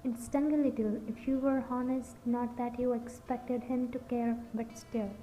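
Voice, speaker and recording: Mellow woman narrating a story. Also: fairly high pitch, little pitch movement, a little slow, slight background noise. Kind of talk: scripted second-person story narration. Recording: dull lo-fi recording. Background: faint music.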